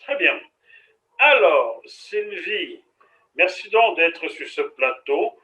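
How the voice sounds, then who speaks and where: A man hosting a studio interview on a web TV show, lively and playful with his guests. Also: high-pitched, slow, low-quality recording. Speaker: TV show host.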